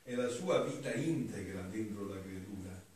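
A man, a friar, preaching a homily in a conversational way, often tagging questions onto his points and swinging between quiet asides and loud, emphatic passages. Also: fairly low pitch, normal speed, a little hiss or hum. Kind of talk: sermon. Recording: very echoey church, mic far off.

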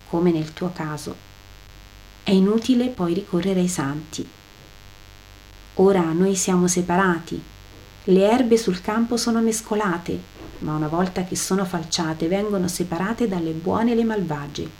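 A woman reading aloud the lines of an old patriarch who answers with calm, solemn admonition. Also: lowish voice. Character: grave, calm old patriarch passing judgment.

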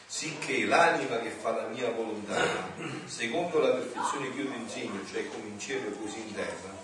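Friar preaching in an echoey hall. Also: male voice, medium pitch, normal speed, crowd noise. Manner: animated, exclaiming, reads passages aloud and jokes with listeners. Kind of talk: spiritual teaching to a community. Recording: echoey room recorded from far off.

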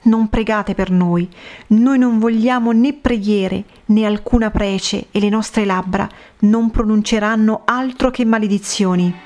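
A woman voicing a young damned female soul, bitter and tormented, in a slow, solemn reading of a religious vision story. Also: mid-range voice, steady tone, a little mellow, natural voice. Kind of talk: scripted narration of a religious vision.

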